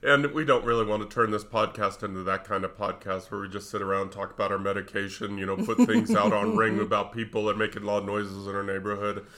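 A man's voice: lowish voice, fast, few pauses, fairly bright tone. A middle-aged man with a stuffed-up, congested voice, rambling and self-deprecating as a podcast co-host on a close mic. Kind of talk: casual podcast chat.

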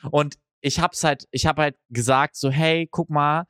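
A man's voice: a little high, fairly even intonation, measured pace, fairly bright tone, smooth, no echo, clean studio sound. A young man co-hosting a podcast in casual chat, loose and chatty, dropping English slang words. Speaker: podcast co-host.

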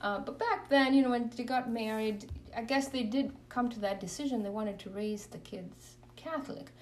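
Her voice on the high side and her pace moderate, a woman religious from Kenya reflects earnestly on her faith and prays aloud in an interview. The mic sits a bit far from her.

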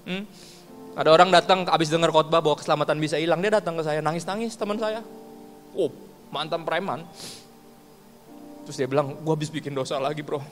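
Slangy preacher with an Ambonese accent. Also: male voice, on the high side, brisk, long pauses. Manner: casual slang-filled preaching, acts out dialogue. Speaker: pastor. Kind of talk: sermon. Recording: long hall reverb with faint music.

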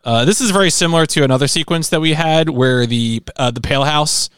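Male co-host, smooth and slightly high, casual analysis, dry sound. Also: brisk, a bit bright, no room sound. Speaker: podcast co-host.

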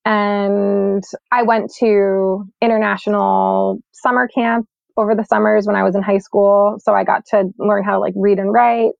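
A young climate scientist, born in Sweden and raised in New York, talks in a relaxed, reflective way during an interview, saying "like" and "um" a lot. Her mid-range voice is creaky and unhurried. The recording is dry, dull and lo-fi.

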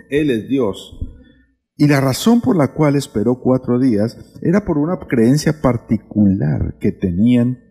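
A man giving a Bible lesson in a mellow, somewhat husky voice. He talks unhurriedly, with fillers and repeated phrases for emphasis. His voice carries a long, echoey hall reverb. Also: medium pitch. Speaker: preacher. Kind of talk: Bible teaching talk.

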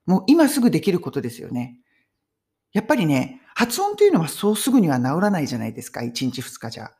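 Lively woman teaching English conversation. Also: low-pitched, fast talker. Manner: lively, emphatic, friendly teaching tone. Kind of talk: casual video lesson. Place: home in London.

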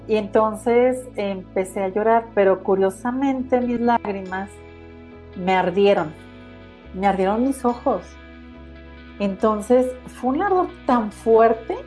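A woman's voice: mid-range voice, dark tone. A woman with a Mexican accent, a guest in an interview, telling her personal story in an earnest, reflective way with many fillers. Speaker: guest, cancer survivor and author.

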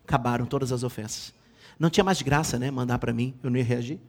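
A middle-aged man, a bishop preaching a sermon, telling family stories in a playful, animated way with sudden loud exclamations. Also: medium pitch, quick pace. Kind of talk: sermon with comic family storytelling.

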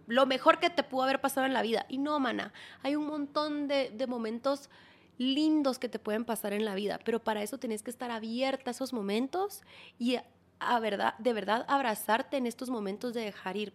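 High-voiced frank woman. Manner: frank, direct, swears casually, speaks straight to the listener. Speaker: podcast host. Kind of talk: casual advice podcast.

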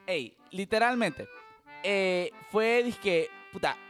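A man's voice: high voice, slow, faint music behind. A young man with a Panamanian accent telling a history story in casual, slangy chat, often laughing and restarting his sentences. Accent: Panamanian Spanish. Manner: animated, laughing, heavy slang and swearing, restarts.

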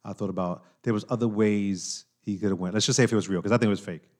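Guy from new york hosting a podcast, lowish voice, chatty and animated, keeps saying like and right. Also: fast talker. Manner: animated, talks with hand-wavy fillers and repeats himself. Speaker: podcast host. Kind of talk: casual chat.

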